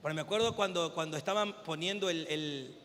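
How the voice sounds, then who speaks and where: A man preaching a fervent sermon, switching between shouted proclamations and quiet, close asides. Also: brisk. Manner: swings from shouted proclamation to low intimate asides. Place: church service hall. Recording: echoey church hall with long reverb.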